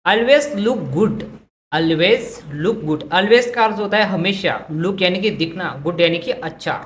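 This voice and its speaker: A woman teaching English vocabulary who says each phrase slowly twice and then explains it in Hindi. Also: fairly low pitch, slight background noise. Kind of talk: vocabulary lesson.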